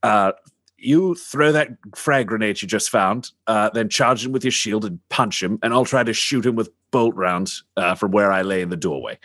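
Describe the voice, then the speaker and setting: A man's voice: fairly low pitch, moderate pace, a bit bright, no room sound, studio quality. A man playing a tabletop game, giving commanding tactical plans in character. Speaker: player.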